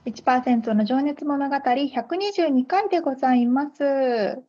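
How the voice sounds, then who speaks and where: A woman's voice: sits high, animated, moderate pace, warm tone, dull audio. A woman hosting a podcast in casual chat, chatty and laughing easily, with polite host phrasing.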